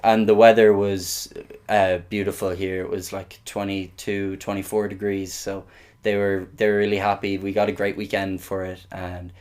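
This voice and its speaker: A man's voice: low voice, little pitch movement, moderate pace, darkish tone. A young man from Galway with a west of Ireland accent, chatting casually and a little hesitantly as a podcast guest. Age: young adult. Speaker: interview guest, exchange student.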